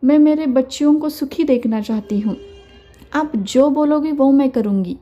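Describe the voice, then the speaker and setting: A meek young wife and mother , voiced by a woman narrator speaks softly and earnestly in this audio storybook. The voice is mellow and fairly high. The recording is slightly dull. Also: normal speed, natural voice.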